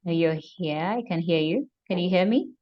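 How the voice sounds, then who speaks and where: A woman speaking as an interview guest on a video call with a bad connection, calmly checking that the line still works. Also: fairly low pitch, normal speed. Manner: calm, reassuring, checks the line. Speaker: guest from a civic organization. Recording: muffled video call audio.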